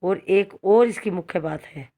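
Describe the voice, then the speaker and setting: A woman teacher giving a slow, repetitive grammar lesson to children, often checking in with "okay". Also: medium pitch, dark tone. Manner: slow, repetitive explaining with frequent "theek hai" checks. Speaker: school teacher. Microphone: phone screen recording.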